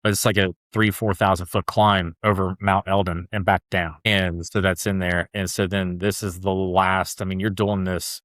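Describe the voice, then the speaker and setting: A man with a lowish voice tells a long personal story on a podcast, rambling and casual, leaning on "like" and "dude". The sound is dry and close, with no room around it. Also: flat delivery, moderate pace, hardly any pauses, fairly bright tone, no echo. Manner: loose and chatty, peppered with "like" and "dude". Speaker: podcast guest, ultra runner.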